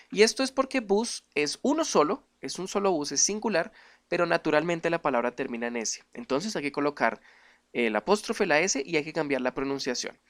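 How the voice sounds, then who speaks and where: A man teaches an online English grammar lesson. He explains things patiently and keeps putting questions to his viewers. Each English example sentence comes out slow and carefully modeled. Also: fairly high pitch, fairly bright tone.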